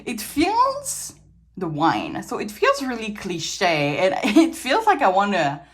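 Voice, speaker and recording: This tarot reader, a native French speaker from Quebec, Canada, has a Quebec French accent and a mid-range voice whose pitch swoops wildly. She speaks slowly while giving a relaxed reading at a table full of trinkets. Talkative and slightly tired, she laughs frequently and often restarts what she's saying.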